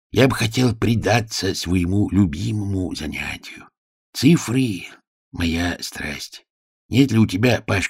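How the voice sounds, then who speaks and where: A man voicing a vain, capricious, suspicious little male king in an audiobook drama, with a husky low voice. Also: dry recording, studio quality, exaggerated voice.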